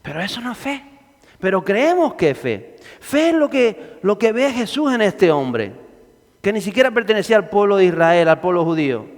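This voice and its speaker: A man preaching from the pulpit in a high-pitched voice. He calls on the congregation to repeat phrases after him. The sound carries the long reverb of a church hall. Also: big pitch swings, moderate pace. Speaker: pastor. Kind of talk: sermon.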